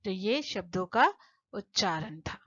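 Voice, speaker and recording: Woman teacher going thru a lesson w kids, slow and patient, asks then answers herself, slightly muffled dry audio. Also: medium pitch, expressive, fairly bright tone, no echo. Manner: slows to spell out word forms. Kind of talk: explaining a textbook lesson to children.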